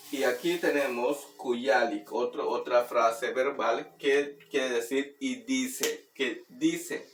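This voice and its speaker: A man teaching Maya words through a children's song, speaking slowly and patiently and repeating words for practice. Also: medium pitch. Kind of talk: explaining and demonstrating a children's song. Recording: roomy, distant mic, faint background noise.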